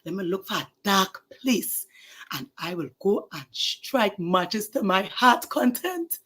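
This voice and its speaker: A woman's voice: medium pitch, animated, slow pace, sharp tone, husky, heavily acted. A woman voicing a mischievous little girl who sneaks matches, sly and giggly with whispered asides. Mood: curious.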